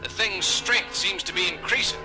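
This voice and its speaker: A man's voice: high voice, moderate pace, over music, close to an everyday voice. A man playing a harried, blunt starship doctor in a science fiction audio drama, urgent and exasperated.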